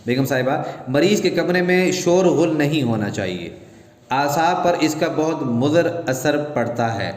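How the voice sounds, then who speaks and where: A man's voice: fairly high pitch, expressive, close to an everyday voice. A man voicing a polite, formal male doctor giving courteous advice, recorded in an echoey room. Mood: advising. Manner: courteous, advising. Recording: echoey room, long reverb.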